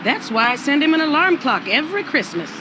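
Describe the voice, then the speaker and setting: A feisty older mother's ghost. Her voice is fairly high, blunt and sassy, full of grudge, in cartoon game style over clearly noisy ambience. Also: sing-song, fairly quick. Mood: stubborn. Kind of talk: cartoon video game voice acting.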